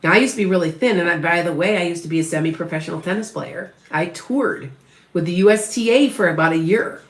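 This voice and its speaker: A middle-aged psychic medium from Wisconsin, with an Upper Midwest accent from northwest of Chicago, rambles through a live reading while chatting with viewers, full of restarts and asides. Her voice is fairly low and she talks fast in an echoey room.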